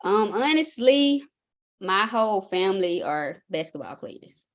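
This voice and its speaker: A young basketball coach from Mississippi chats casually about herself as an interview guest, relaxed, chatty and folksy in her Southern accent. She speaks at a measured pace with a medium-pitched voice.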